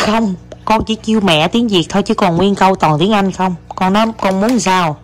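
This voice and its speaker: Young mother, patient and coaxing, mid-pitched, stretches words out to teach, home video. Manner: coaxing, slows down to model words for the child. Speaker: mother filming her child. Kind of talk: casual home chat with a child. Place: at home indoors.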